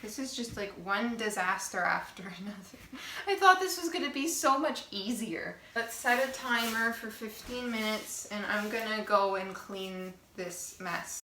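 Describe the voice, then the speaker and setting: A woman's voice: medium pitch, unhurried, sharp tone, reverberant, a little hiss or hum. A woman chatting casually on a vlog while she bakes at home, exasperated and self-mocking, swearing now and then. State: out of breath. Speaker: vlogger. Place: home kitchen.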